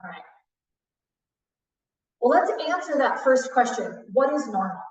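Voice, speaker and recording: High-voiced and very animated, though a little slow, this instructor talks her group through concepts during a live trauma training session. She's warm like a teacher and frequently asks "right?" to check in, with the recording sounding distant, echoey, and dull.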